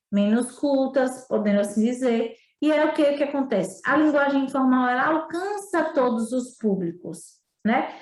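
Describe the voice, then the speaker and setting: High-voiced woman teacher in echoey room. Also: darkish tone. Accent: Brazilian Portuguese, northeastern. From Brazil. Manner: explanatory, frequent tag questions. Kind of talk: remote school lesson.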